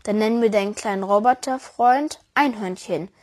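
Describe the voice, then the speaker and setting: A woman's voice: mid-range voice, normal speed, close to an everyday voice. A woman voicing a curious, friendly young girl in a storybook, full of cheerful questions. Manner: cheerful, inquisitive, giggly. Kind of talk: storybook voice acting.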